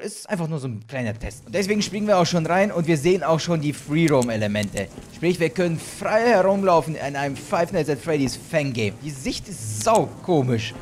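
Let's play host, male, jumpy and loud when scared, animated voice. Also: on the high side. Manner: excitable, swearing, shrieks when scared. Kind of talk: gaming commentary.

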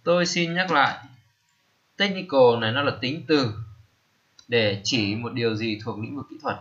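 A man, teaching vocabulary slowly, repeating each term and pausing with many fillers. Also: mid-range voice, fairly bright tone, lo-fi sound. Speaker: English teacher. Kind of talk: screen-recorded lesson.

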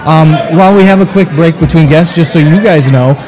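A man's voice: fairly high pitch, fairly quick, crowd noise. A man co-hosting a podcast at a running club dinner, talking in an upbeat, chatty way with lots of fillers. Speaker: podcast co-host. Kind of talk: casual chat.

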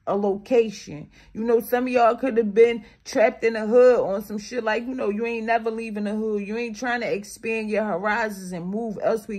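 A woman giving a casual spiritual card reading to her viewers, slangy and emphatic, with her morning voice still on her and a habit of tacking "okay?" onto her lines. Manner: swings between low mutters and loud animated bursts.

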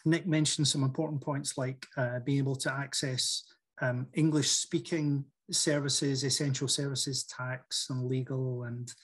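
A man from outside France speaking on a business panel in a measured, explanatory way, with frequent fillers. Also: medium pitch, steady tone, husky. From not from France. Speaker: roundtable panelist, company leader. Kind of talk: panel discussion.

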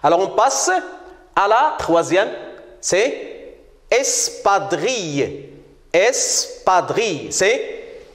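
A man teaching a primary school reading lesson, repeating words slowly and praising often. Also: high-pitched, expressive. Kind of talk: slow classroom reading lesson. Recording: roomy echo with long reverb.

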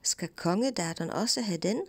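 A woman's voice: lowish voice, animated, breathy edge, dry recording. A woman voicing two scornful older brothers who mock their foolish sibling. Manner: mocking.

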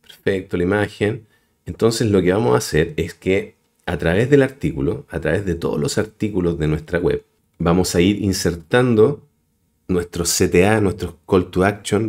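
A man's voice: sits low, a little mellow. A man hosting a screen-recorded web tutorial, explaining step by step and addressing his viewers directly. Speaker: tutorial host. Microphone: voice-over on a screen recording.

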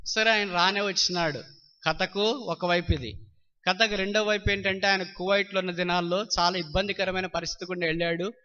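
Male preacher, smooth resonant voice, animated sermon storytelling. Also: high voice, brisk. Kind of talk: sermon storytelling with acted dialogue. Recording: dull lo-fi sound.

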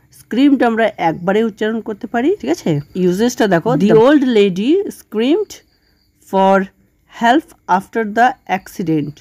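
A woman teacher explains English vocabulary, reading each example sentence slowly and carefully before explaining it. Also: mid-range voice, darkish tone, no echo. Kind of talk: classroom lesson explaining English words.

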